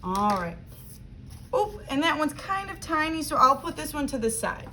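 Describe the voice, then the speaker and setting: A woman's voice: sits high, big pitch swings, normal speed, bright, forceful tone. A woman teaching young children a craft step by step, speaking to them directly in simple instructions. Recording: clear background noise.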